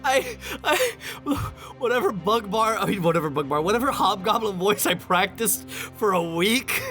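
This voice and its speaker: A man's voice: high-pitched, sing-song, moderate pace, pushed and bright. A man narrating a tabletop game as game master, setting scenes dramatically. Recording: music behind the voice.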